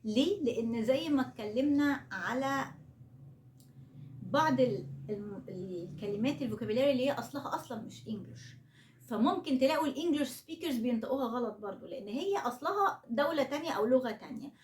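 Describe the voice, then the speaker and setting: Fast-talking Egyptian woman teaching English. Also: on the high side, lively intonation, echoey room, a little hiss or hum. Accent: Egyptian Arabic. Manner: chatty, explains with rhetorical questions and frequent okays. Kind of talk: casual online English lesson.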